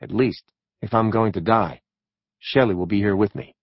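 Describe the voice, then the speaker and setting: A man's voice: fairly low pitch, normal speed, no echo, lo-fi sound, voice pushed down. A male audiobook narrator voicing a terrified young wife caught in a house fire, her words short and breathless. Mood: hushed. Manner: screaming, breathless from smoke.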